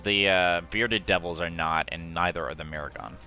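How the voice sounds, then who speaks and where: A man's voice: sits low, normal speed, bright, forceful tone, faint music behind. A man running a tabletop game as game master, chatty and laughing, with many fillers.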